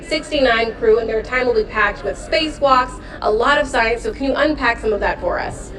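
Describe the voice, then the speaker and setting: A woman's voice: on the high side, moderate pace, echoey room, far from the mic, over music, poor audio. A woman presenting a live broadcast interview from a balcony. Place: outdoor balcony.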